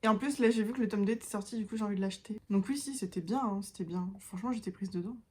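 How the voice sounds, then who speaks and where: A woman's voice: mid-range voice, rapid-fire, a little mellow. A woman book vlogger chatting casually through a tier-list review of her reads, thinking aloud with hesitations, enthusiastic and self-mocking.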